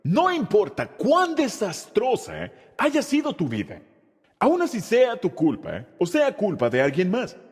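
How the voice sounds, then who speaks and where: A man preaching a sermon as pastor, slow and emphatic, leading his congregation in reciting a verse together. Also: high-pitched, wildly swooping pitch, slightly rough, in a large hall. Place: church hall.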